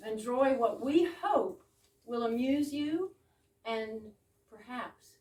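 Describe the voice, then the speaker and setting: Welcoming guests to a readers theater evening, a woman gives a live speech full of theatrical flourishes and chatty asides. Her voice is on the high side, animated and slow. Recorded from a distance in an echoey room of a private home, the audio carries background noise from the small audience.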